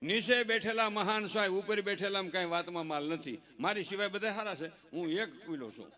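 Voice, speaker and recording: A man's voice: high voice, fairly quick, sharp tone. A man performing live folk stage comedy, telling teasing village stories and mimicking family members in exaggerated voices. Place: live stage event with audience.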